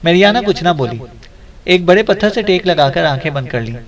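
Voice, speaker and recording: A man narrating an adventure novel as an audiobook, in a steady, even storytelling voice. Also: high voice, fairly quick, lo-fi sound, crowd noise.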